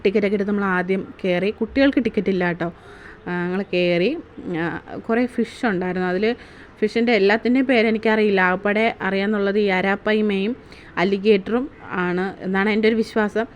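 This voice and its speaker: A woman's voice: medium pitch, steady tone, a little fast, a little hiss or hum. A woman narrating her family day-out vlog in a casual, chatty way, often asking viewers to comment. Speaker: vlogger.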